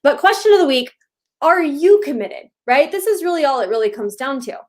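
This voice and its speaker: Upbeat lady cohosting a live coaching stream, kinda high voice, keeps asking the audience questions. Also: very animated, a little fast. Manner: upbeat, encouraging, asks rhetorical questions. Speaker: co-host.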